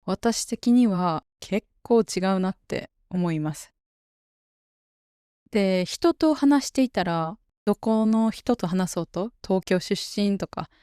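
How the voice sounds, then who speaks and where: A woman with a Kansai Japanese accent hosting a casual solo podcast for Japanese learners, chatty and relaxed. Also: on the low side, no echo, clean studio sound. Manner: chatty and relaxed, dialect-heavy. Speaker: podcast host teaching Japanese.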